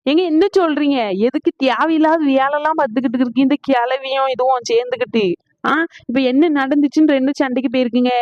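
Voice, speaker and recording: A woman voicing a worried, sensible young wife, trying to calm a quarrel. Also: sits high, quick pace, no echo, close to an everyday voice. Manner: worried, placating. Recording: dull lo-fi dry audio.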